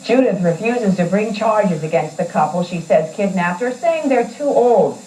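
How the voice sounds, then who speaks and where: A woman's voice: medium pitch, expressive, moderate pace. A woman reporter narrating a scripted tabloid news story in a dramatic storytelling manner, recorded on old, echoey TV sound. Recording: echoey, distant old TV broadcast with music.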